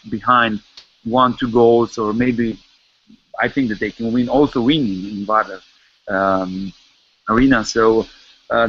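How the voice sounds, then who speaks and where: A man speaking hesitantly, repeating words, as a panelist in a casual discussion. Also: lowish voice. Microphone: video call. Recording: muffled online call audio.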